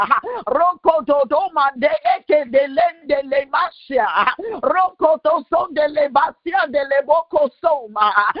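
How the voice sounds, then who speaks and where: A high-pitched woman minister declares a prophetic prayer, moving between tongues and proclamations in a slow, chanting, repetitive delivery that keeps breaking into shouts. The recording is dry and dull, with a lo-fi sound. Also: no room sound.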